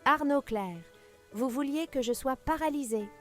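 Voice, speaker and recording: Solange, a gravelly stern old matriarch, as a woman narrator reads her. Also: sits high, unhurried, a bit bright, faint music behind, pitched above the performer's own voice. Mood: cold, commanding. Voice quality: hoarse, gravelly. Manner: articulates every syllable, cutting. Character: stern elderly matriarch, icy and commanding.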